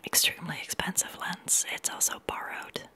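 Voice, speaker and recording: A young adult woman leaning in close to the microphone, speaking in a soft, breathy whisper as she chats casually to viewers as an ASMR host. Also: moderate pace. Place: small attic studio, indoors. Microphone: large microphone close to the mouth.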